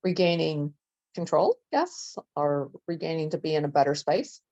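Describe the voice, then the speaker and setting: A woman's voice: low voice, big pitch swings, moderate pace, warm tone, no echo, highs cut off. A woman in an art workshop, earnestly describing how the exercise helped her. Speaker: workshop participant. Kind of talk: casual group discussion.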